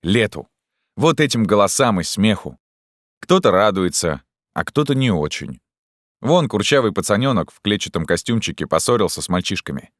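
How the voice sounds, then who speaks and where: Man, deep voice, lively expressive audiobook narration, dry close sound. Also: moderate pace, no echo.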